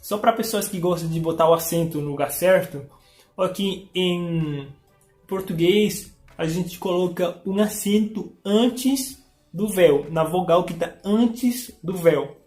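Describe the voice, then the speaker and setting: Lady teaching words, super slow and patient, echoey room, faint music behind. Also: on the low side, darkish tone. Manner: explains patiently, reads word lists slowly, tag questions. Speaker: language teacher. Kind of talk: informal language lesson.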